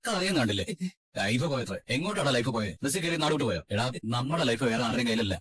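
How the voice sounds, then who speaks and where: A man's voice: mid-range voice, sing-song, quick pace, a bit bright, breathy edge. A man voicing a tough, protective young man who talks bluntly and scolds, in a fan-dubbed drama. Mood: scolding.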